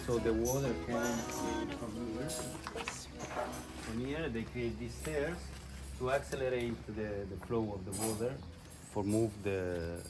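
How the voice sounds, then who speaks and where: A man with an Italian accent, a restaurant owner, explaining a place in halting, broken English with many hesitations. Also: medium pitch. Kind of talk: casual guided explanation. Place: outdoors by an old mill and spring. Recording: loud music over the voice.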